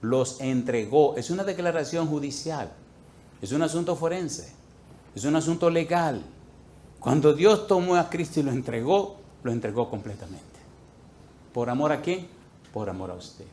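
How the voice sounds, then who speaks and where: A man preaching a sermon to a congregation, telling a story with acted-out dialogue and swinging between loud outbursts and quiet asides. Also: a little high, lively intonation, normal speed. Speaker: pastor. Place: church, before a congregation.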